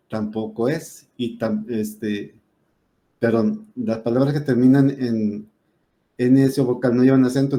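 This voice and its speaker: A man's voice: medium pitch, warm tone. A man teaching a spoken lesson on rules, explaining step by step with frequent fillers and self-corrections.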